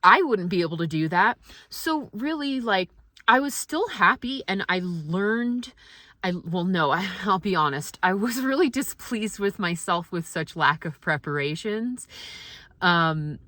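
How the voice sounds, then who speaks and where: A woman vlogger giving a casual, motivational monologue, speaking candidly and reflectively with halting pauses. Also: mid-range voice, animated, bright, forceful tone, no echo.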